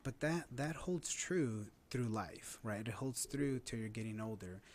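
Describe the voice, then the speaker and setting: A man's voice: mid-range voice, animated, measured pace, slight background noise. A man in his thirties explaining parenting ideas in an earnest conversational way, often tagging points with "right?". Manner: earnest, uses "right?" as a tag. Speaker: guest expert on parenting.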